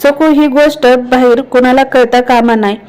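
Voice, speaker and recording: Brief: a woman doing a stern, protective village mother, storybook telling, smooth voice. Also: high voice, steady tone, moderate pace, darkish tone, natural voice. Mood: worried. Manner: rustic village speech.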